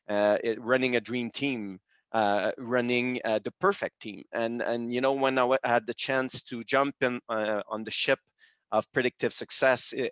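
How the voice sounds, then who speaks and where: Over dull, dry video call audio with no room sound, a Quebec man presents a webinar in accented English. His voice sits on the low side with a fairly bright tone, and he often stops and restarts his sentences, presenting hesitantly in a language that isn't his first.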